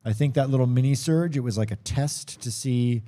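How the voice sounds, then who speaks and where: A man's voice: mid-range voice, moderate pace, dark tone. A man giving conversational live sports commentary on a race, thinking aloud and correcting himself as he goes.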